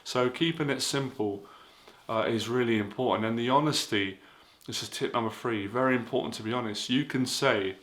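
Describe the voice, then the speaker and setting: A man's voice: mid-range voice, normal speed, fairly bright tone. A man giving casual dating advice in an earnest, repetitive way, full of fillers. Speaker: dating coach.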